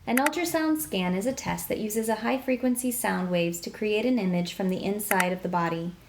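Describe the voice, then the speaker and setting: A woman with a mid-range voice narrates an interactive children's book, explaining things clearly and slowing down to spell out medical terms. It's a scripted read-aloud for kids, and the recording has clear background noise.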